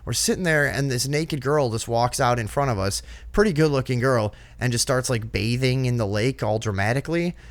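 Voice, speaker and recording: A man's voice: mid-range voice, brisk, hardly any pauses, no room sound. A man co-hosting a podcast, swearing and acting out the people in his story as he tells it in casual chat. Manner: profane, animated retelling with quoted voices. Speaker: podcast co-host.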